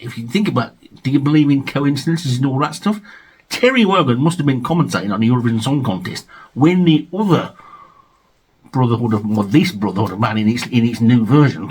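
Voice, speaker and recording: An English man hosts a video about his record collection, chatting casually, cracking jokey asides, and reading liner notes aloud. His voice is mid-range with a breathy edge.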